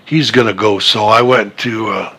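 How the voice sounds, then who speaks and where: An American man in his seventies, an old veteran remembering his service in an interview, plain-spoken and pausing as he goes. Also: on the low side, steady tone, sharp tone, breathy edge. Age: 70s. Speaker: retired Marine veteran interviewee. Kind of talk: interview recollection.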